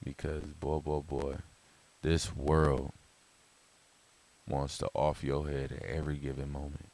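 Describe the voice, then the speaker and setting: A man talking to camera in a casual motivational monologue, rambling with restarts and chuckles, swinging from loud high bursts to soft low murmurs. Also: monotone, measured pace. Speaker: vlogger.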